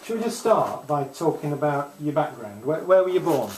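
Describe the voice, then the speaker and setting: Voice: medium pitch, very animated, moderate pace, a little mellow, reverberant, a little hiss or hum. An interviewer asking short questions in an oral history interview. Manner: brief prompts and questions.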